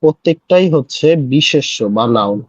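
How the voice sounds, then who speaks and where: A man teaching a casual Arabic lesson, patiently explaining and repeating words slowly. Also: a little high, expressive, no echo, lo-fi sound. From Bangladesh. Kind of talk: casual spoken language lesson.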